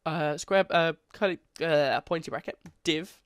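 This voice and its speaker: Through a blocked nose, a young man chats his way casually through a screen-recorded coding tutorial, correcting himself as he goes. His voice is on the high side, a bit bright, clear and resonant, delivered at a measured pace, with clean studio sound and no echo.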